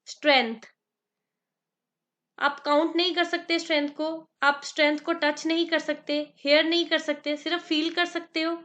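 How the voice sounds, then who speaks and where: A woman teaching an exam-prep grammar lesson, slowly dictating examples and asking the viewer questions. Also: sits high, fairly bright tone. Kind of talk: grammar lesson in Hindi-English mix.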